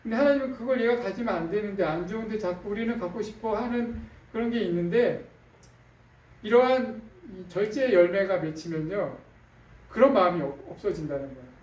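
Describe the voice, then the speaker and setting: Male pastor, high voice, relaxed chatty preaching, recorded from a distance in a reverberant sanctuary. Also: fairly quick. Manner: conversational preaching with frequent fillers and tag questions. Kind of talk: sermon. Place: church sanctuary. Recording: echoey room, distant mic.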